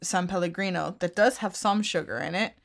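A woman's voice: lowish voice, brisk, creaky. Chatty woman co-hosting a live taste test. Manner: chatty, laughs easily, reads out viewer comments. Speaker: co-host. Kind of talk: casual live-stream chat.

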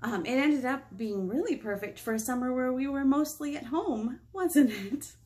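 The high-pitched, slightly mellow voice has lively intonation and a moderate pace. It belongs to an American children's librarian in her thirties hosting storytime in a small painted-wall room, chatting in simple phrases and asking her young audience questions.

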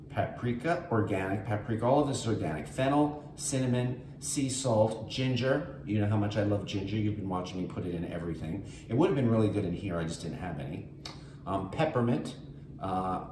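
An older man, chatting casually as he cooks and talks through each step in his home kitchen. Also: on the low side. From New York. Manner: chatty, rambling, health-focused asides. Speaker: host. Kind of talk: casual cooking demonstration. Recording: echoey kitchen with noise.

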